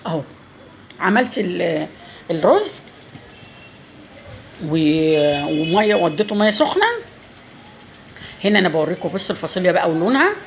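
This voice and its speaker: A woman's voice: fairly low pitch, a little hiss or hum. A middle-aged woman with an Egyptian accent, telling a funny story in a casual home cooking vlog, swearing by God often. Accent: Egyptian Arabic.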